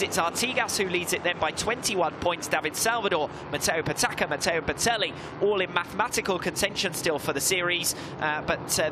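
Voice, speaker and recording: A man giving fluent live commentary on a motorcycle race. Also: sits high. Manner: fluent, builds excitedly with the action. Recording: loud engine and trackside noise behind. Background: motorbike engines, outdoor race ambience.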